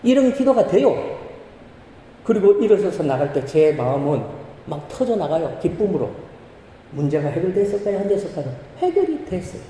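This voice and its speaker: A male pastor preaches in a high, very dark and mellow voice, asking the congregation questions and acting out prayers. He is heard from far off in a church hall with long, heavy reverb. A faint room hum sits behind him. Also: very animated, normal speed. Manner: preaching with emphatic rises, rhetorical questions and acted prayers. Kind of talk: sermon. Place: church sanctuary.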